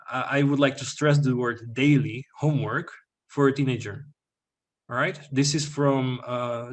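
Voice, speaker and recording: A young man presenting slides to an audience, explaining at length with frequent fillers and "all right?" check-ins. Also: mid-range voice.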